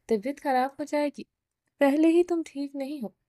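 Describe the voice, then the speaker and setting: Lady reading as a hard mafia boss guy, firm and pressing, highish mellow voice, storybook reading. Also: dry recording, clean studio sound, lightly acted. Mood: stern, pleading. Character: ruthless young mafia boss man, tender to wife.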